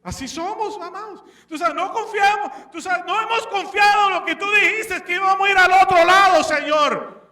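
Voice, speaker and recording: A man's voice: very high-pitched, normal speed, bright, forceful tone. A man preaching a sermon with animation, asking the congregation questions and slipping English words into his speech. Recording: echoey room, distant mic.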